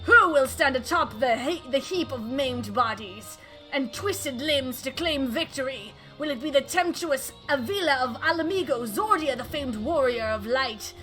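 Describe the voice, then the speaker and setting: A woman voicing a boisterous male arena announcer and promoter from a video game, with theatrical, drawn-out showman patter. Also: high voice, expressive, music in the background, low-quality recording. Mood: grandiose, excited. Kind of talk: video game dialogue read aloud in character.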